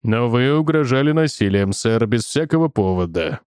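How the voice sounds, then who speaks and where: A man voicing a stern, heavyset police lieutenant who speaks low, slow and formally. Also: expressive, darkish tone, clear, resonant tone, no room sound, studio quality, close to an everyday voice.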